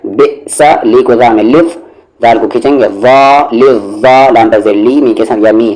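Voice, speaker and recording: A man teaching recitation word by word, spelling out each syllable and then reciting the words slowly and drawn out. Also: mid-range voice, a little mellow, rough recording. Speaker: Quran teacher.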